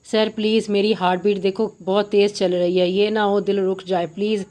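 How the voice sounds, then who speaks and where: Woman voicing a young man in love, pleading, flat even delivery, storybook reading. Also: medium pitch, moderate pace, close to an everyday voice. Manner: pleading, breathless with feeling.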